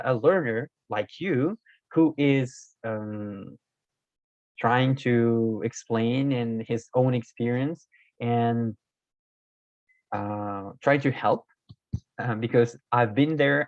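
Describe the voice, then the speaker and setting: In a dull, dry lo-fi recording with no room sound, a man whose first language isn't Korean walks through Korean grammar in a relaxed video lesson. His medium-pitched voice is a bit hoarse, and he's hesitant, full of fillers and self-corrections.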